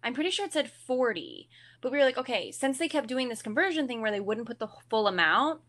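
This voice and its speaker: A young woman guest on a podcast, telling an animated anecdote in casual chat and saying "like" a lot. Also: on the high side, fast. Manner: animated storyteller, lots of "like".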